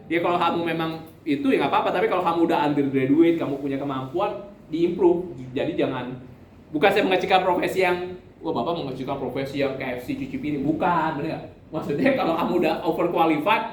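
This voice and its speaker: A male university lecturer in his thirties from Indonesia, giving a casual classroom lecture and constantly asking his students if they follow. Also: a little high. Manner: chatty, keeps asking "right?". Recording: echoey room from far off, faint noise.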